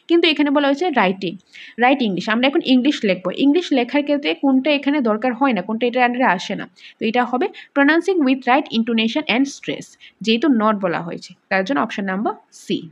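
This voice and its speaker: A high-pitched woman with a Bengali accent leads an exam-prep class, reading each multiple-choice question out slowly before explaining it with rhetorical questions. The recording is dull and lo-fi. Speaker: teacher. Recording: dull lo-fi sound.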